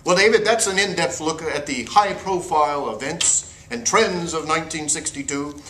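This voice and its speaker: A man's voice: a little high, normal speed, bright, forceful tone, a little hiss or hum. A man playing a prim, square 1960s TV news co-anchor, earnest and sanctimonious, in a parody newscast. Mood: formal. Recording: echoey room.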